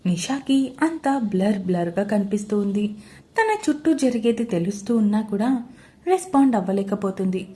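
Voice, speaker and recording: A woman storyteller giving a scripted narration of a romance story in a steady, even reading. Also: mid-range voice.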